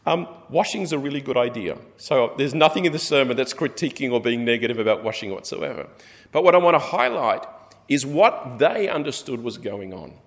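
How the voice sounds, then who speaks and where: A man preaching a sermon, telling the story in an animated way and acting out the characters. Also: medium pitch, a little fast. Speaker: pastor. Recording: long hall reverb.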